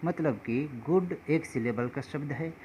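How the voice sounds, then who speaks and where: A man teaching English pronunciation rules in a slow, patient way, often calling his viewers friends. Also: on the high side, darkish tone, a little hiss or hum.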